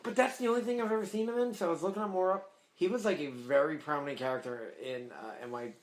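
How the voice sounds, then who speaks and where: A man's voice: a little high, fairly even intonation, fast. A man co-hosting a casual podcast, laid-back, laughing often and swearing casually. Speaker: podcast co-host. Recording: echoey room.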